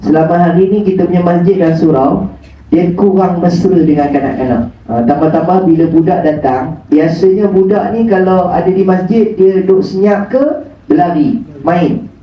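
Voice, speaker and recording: Brief: male preacher, teasing and humorous, fairly high voice, dull far-off phone recording in a prayer hall. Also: normal speed. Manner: joking, teasing, rhetorical questions. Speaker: religious preacher. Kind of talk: humorous religious lecture. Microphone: phone camera at a distance.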